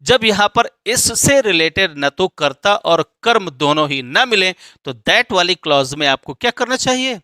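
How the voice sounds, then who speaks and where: Man, grammar teacher, high bright voice, dry close sound, step-by-step explanation, frequent check questions. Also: animated, measured pace, hardly any pauses, smooth, no echo.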